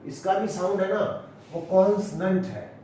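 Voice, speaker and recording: A man with an Indian accent teaching English pronunciation, explaining slowly and repeating key words, mixing in English phrases. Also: sits high, mellow, slight background noise. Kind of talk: classroom-style explanation. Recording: echoey room, voice from a distance.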